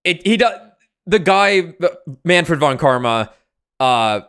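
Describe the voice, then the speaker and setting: A man's voice: on the high side, expressive, slow pace, fairly bright tone, smooth. A young man hosting a game stream, explaining the story in a rambling, casual way. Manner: rambling, with many fillers and restarts. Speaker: streamer, host.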